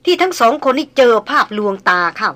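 A woman voicing a frightened young woman speaking in a shaky, hushed voice. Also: sits high, animated, a little fast, pitched above the performer's own voice. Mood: uneasy.

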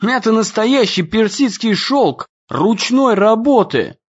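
A man voicing a whiny, indignant fourteen-year-old boy who shouts complaints and threats in an audiobook. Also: high voice, very animated, normal speed, dull audio, voice pushed up, heavily acted. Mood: whining.

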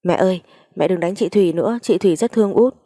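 A woman's voice: lowish voice, fairly even intonation, fast talker, darkish tone, no echo, studio quality, natural voice. A woman voicing a little girl who adores her older sister, in a tearful, pleading manner.

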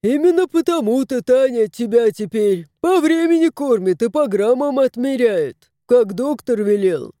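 Woman voicing a male house spirit, teasing, wry, fussy, slightly high voice, storybook. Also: lively intonation, measured pace, few pauses, dark tone, dry recording, clean studio sound. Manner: mocking, teasing.

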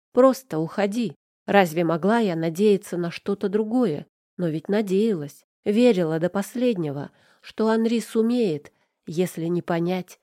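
A woman's voice: medium pitch, dark tone, dry recording, studio quality. A woman narrating a first-person audiobook with emotional, tearful delivery.

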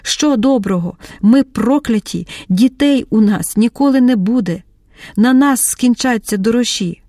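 Woman reading a young woman losing it, yelling and pleading, warm dark voice, audiobook. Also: fairly high pitch, measured pace, no room sound, studio quality, close to an everyday voice. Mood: hysterical. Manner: shouting, pleading outbursts. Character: young woman, tense, hysterical, breaking off with her kin.

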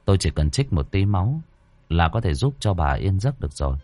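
A man voicing a cold, calm young man who sees ghosts and speaks quietly, in a horror audiobook. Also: low-pitched, fairly quick, no echo.

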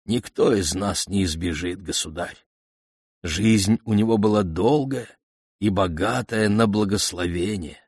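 A man voicing an old, weather-beaten royal messenger who speaks slowly and deferentially. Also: husky, no room sound, studio quality. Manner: deferential, slow and low.

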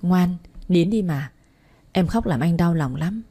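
A woman voicing a gentle young man who soothes his partner in a soft, slow, coaxing way, in a storybook reading. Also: lowish voice, lively intonation, husky, heavily acted.

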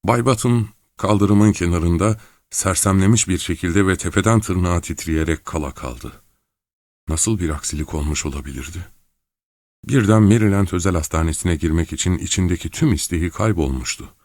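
A man reading a novel aloud as an audiobook narrator, steady and measured. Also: low-pitched, no echo. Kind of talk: scripted narration.

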